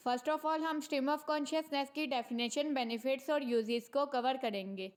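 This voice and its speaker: A woman explaining a novel in a literature lecture, reading definitions slowly. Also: sits high. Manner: explains in Hindi, then reads English definitions slowly. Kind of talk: read-aloud lecture explanation.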